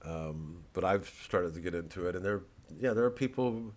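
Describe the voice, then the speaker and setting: In a rambling, casual monologue for an online audience, a low-pitched male comedian digresses and stops often. He is self-deprecating throughout.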